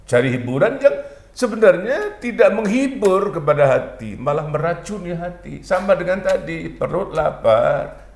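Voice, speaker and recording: Slow gravelly preacher in an echoey room. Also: male voice, high-pitched, very animated, a little mellow. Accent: Indonesian from Lampung. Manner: drawn-out emphatic phrasing, Quranic recitation in a chanting tone. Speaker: pesantren leader preaching to parents. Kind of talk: monthly Islamic study sermon.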